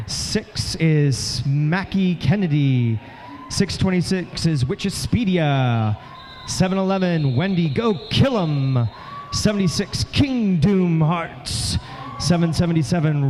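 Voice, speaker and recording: A man serves as co-commentator at a roller derby bout, reading lineups and breaking down plays with energy. His voice sits a little higher than most men's. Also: darkish tone, a little hiss or hum.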